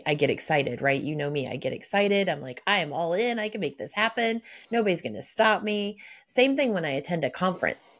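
A woman co-hosting a podcast, answering questions with excitable stories and acting out her own thoughts in a chatty way. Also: low voice, creaky. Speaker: podcast co-host. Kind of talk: conversational podcast talk.

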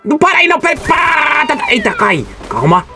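A man giving excited gameplay commentary, making shooting sound effects and exclaiming as he plays. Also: extremely high pitch, brisk, vocal fry. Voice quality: lively, exclaiming, calls shots with sound effects. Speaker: gaming streamer. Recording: game music behind voice.

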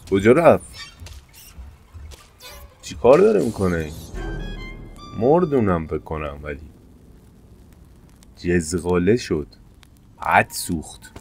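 A man commentating his gameplay casually, excitable, jumping to sudden high-pitched yelps. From Iran. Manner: excitable, jumps to high-pitched yelps when fires start. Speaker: gameplay streamer. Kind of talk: casual let's-play commentary.

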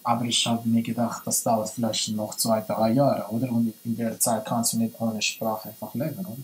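A man's voice: mid-range voice, flat delivery, moderate pace, poor audio. A young man from Iran with a Persian accent, talking in a casual interview, hesitant and searching for words with many restarts, recorded at a table in a small room. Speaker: guest. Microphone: camera from a few meters.

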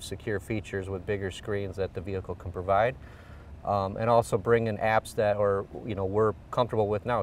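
A middle-aged man, an engineering executive, describes a product for an outdoor on-camera interview next to a car, filling his speech with lots of fillers. His fairly low voice comes through a lapel mic but sounds distant, with a bit of background noise.

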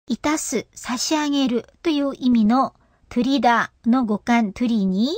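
A woman's voice: high voice, a little mellow, no room sound, clean studio sound. A woman teaching a radio language lesson, explaining pronunciation in a patient way.

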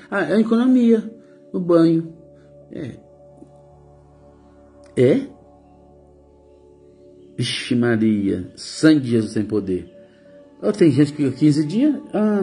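A Brazilian man with a slightly raised pitch chats through a casual live stream, greeting viewers one by one and teasing them playfully. Soft music plays faintly underneath his voice. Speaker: psychic live-stream host.

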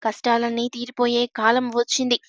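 A woman's voice: on the high side, monotone, brisk, dry recording, clean studio sound, natural voice. A woman voicing a motherly female companion who chides and reassures a frightened girl in a storybook reading. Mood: chiding. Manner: chiding yet reassuring.

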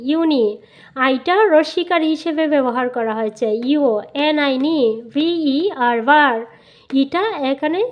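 Woman teacher, high voice, dull lo-fi recording, phonics lesson, spells out letters. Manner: spells words out letter by letter and repeats slowly. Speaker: English teacher. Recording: dull lo-fi sound.

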